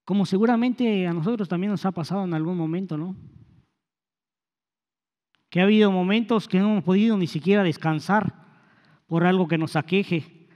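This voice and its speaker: A man's voice: high-pitched, normal speed, long pauses, dull audio. A man preaching a sermon in a conversational way, with hesitant restarts and rhetorical questions. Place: church hall. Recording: long hall reverb.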